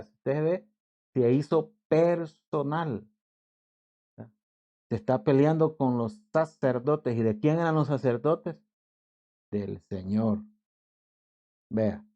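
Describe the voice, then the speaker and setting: A man's voice: mid-range voice, dark tone. Salvadoran man preaching, muffled. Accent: Salvadoran Spanish. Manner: conversational preaching, acts out little scenes in quick put-on voices. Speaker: pastor. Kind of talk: sermon.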